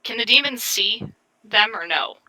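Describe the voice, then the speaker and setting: A woman's voice: a little high, animated, normal speed, sharp tone, poor audio. A woman chatting casually and informally as a player in a tabletop role-playing game, with a sweary way of talking. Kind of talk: casual role-play chat.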